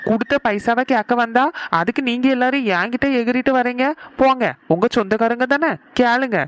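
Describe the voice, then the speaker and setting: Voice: medium pitch, a little fast, dry recording, close to an everyday voice. A voice actor playing a stern male village moneylender, blunt and demanding. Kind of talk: cartoon voice acting.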